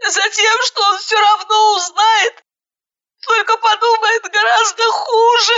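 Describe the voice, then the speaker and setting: Woman putting on a shrill sobbing young bride. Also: flat delivery, sharp tone, muffled recording, exaggerated voice. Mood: hysterical. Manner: shrill crying outbursts, drawn-out wailing words. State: crying.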